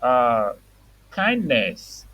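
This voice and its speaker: A very low, husky woman's voice reading words to a small child. Her pitch moves up and down in a lively way as she prompts repetition and explains each word in simple, everyday terms. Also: drawn-out words. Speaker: reading teacher.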